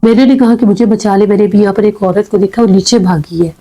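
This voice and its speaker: A woman telling a frightening first-person story in a calm, measured way, with dramatic pauses. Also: medium pitch, rough recording. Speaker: horror story narrator.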